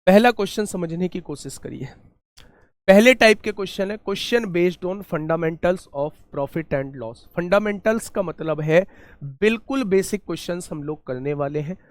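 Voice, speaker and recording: A man's voice: high voice, animated, unhurried, no room sound. A man teaching an online exam-prep maths lesson, explaining step by step and asking his students rhetorical questions.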